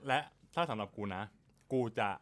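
A man's voice: moderate pace, fairly bright tone. A man in casual chat, explaining coffee technique at length in crude, slangy speech. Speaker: barista.

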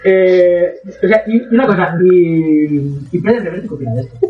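A man's voice: sits high, animated, moderate pace, soft background music. Swearing man in mock outrage. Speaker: podcast co-host. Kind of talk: casual podcast chat. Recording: roomy, distant, dull, crowd behind.

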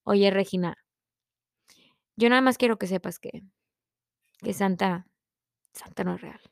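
Stern father, low flat voice, matter-of-fact, woman quoting him, dry close sound. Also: measured pace, creaky, no echo. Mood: blunt. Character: stern divorced father breaking bad news.

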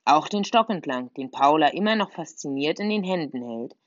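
A woman tells a children's story in a low, warm register with playful, wide swings of pitch. The sound is dry and close, a little dull at the top. She reads with bright, bouncy storybook energy. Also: normal speed, no room sound. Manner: lively, playful, voices characters. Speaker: audiobook narrator. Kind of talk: expressive children's audiobook reading.

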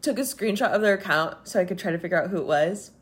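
A woman's voice: lowish voice, fast talker. A young woman co-hosting a podcast, telling stories in casual chat and laughing often. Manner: chatty storytelling, laughing often. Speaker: podcast co-host.

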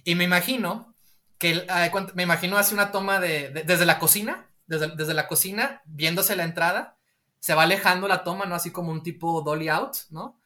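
Guy talking through a movie scene idea, rambly, bright voice, kinda high. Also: steady tone, brisk. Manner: rambling, tags lines with a questioning tag. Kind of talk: casual pitch of a film scene.

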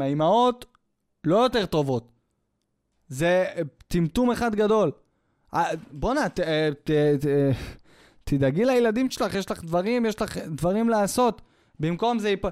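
A man's voice: high-pitched, lively intonation, clean tone. A man hosting a podcast, delivering a sarcastic, scornful comedic rant. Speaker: podcast host.

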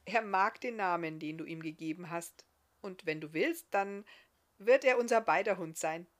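A woman voicing a joyful young female dust elf in a read-aloud fairy tale, high and excited. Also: moderate pace, natural voice. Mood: warm.

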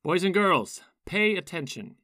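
Stern, low-voiced male schoolmaster. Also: expressive, unhurried, background noise. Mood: stern, scolding. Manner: clipped, formal, scolding. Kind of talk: period audio drama acting.

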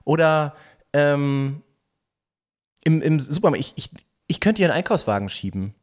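Animated middle-aged man, lively pitch. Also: unhurried. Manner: animated, laughs often. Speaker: podcast co-host. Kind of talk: casual chat.

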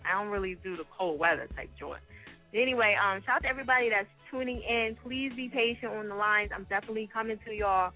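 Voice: mid-range voice, fast talker, faint music behind. An internet radio host talking loosely and profanely in slang, taking calls on a phone line. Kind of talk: casual call-in radio talk.

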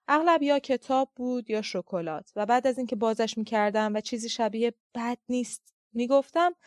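A woman reading a literary novel aloud as an audiobook narrator, with a measured, reflective delivery. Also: a little high, no echo, studio quality.

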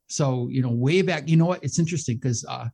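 A middle-aged man who hosts a radio show, talking as a guest in a casual interview, animated and self-deprecating, laughing often. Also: medium pitch, a little fast, creaky. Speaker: radio show host and behavioral health manager, guest.

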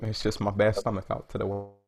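A young man with a deep voice and a London accent, bantering casually in roadman slang. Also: completely flat delivery, fast, vocal fry. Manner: teasing, slangy.

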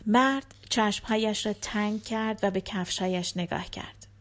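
A woman reading a short story aloud in a calm, measured narrating voice. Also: mid-range voice. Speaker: audiobook narrator. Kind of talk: scripted narration.

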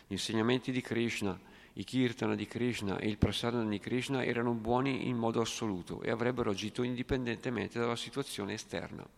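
Reflective male reader with asides; gravelly, long hall reverb. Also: mid-range voice, steady tone, brisk. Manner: quiet, reflective commenting. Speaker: reader and commentator. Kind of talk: reading aloud with asides.

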